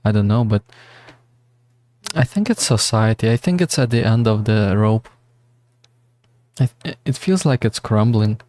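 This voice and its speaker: A man's voice: fairly low pitch, a little slow, pauses often, darkish tone. A man streaming a game who rambles through philosophical thoughts, swearing freely as he muses. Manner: rambling, meandering, swears often. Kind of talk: casual livestream musing.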